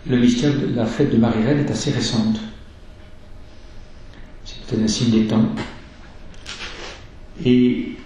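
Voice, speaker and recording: A man giving a sermon, teaching in a slow, measured way and reading scripture aloud. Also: mid-range voice, a little mellow. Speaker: preacher. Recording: echoey church from far off.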